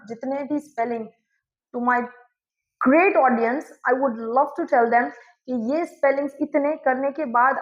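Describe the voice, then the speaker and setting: Lady teacher, high voice, sounds out blends slow then says the word, unhurried. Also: highs cut off. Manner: sounds out word parts slowly, then says whole words. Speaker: English teacher. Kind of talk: phonics lesson for viewers.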